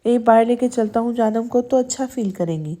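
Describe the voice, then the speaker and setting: A woman's voice: fairly high pitch, mellow, close to an everyday voice. A woman voicing a possessive, stern young husband who turns coaxing, in a spoken storybook. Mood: firm. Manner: firm, turning tender then sulky.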